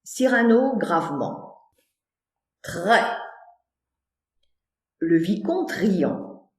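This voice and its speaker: A woman's voice: lowish voice, lively intonation, takes it slowly, a little mellow, reverberant. A woman narrating scripted stage directions for a verse play. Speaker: narrator and performer.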